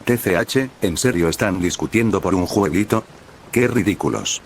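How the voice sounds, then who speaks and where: Man doing a scornful young male villain, mocking, low-voiced, faint hiss behind. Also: lively intonation, moderate pace. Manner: mocking, dismissive.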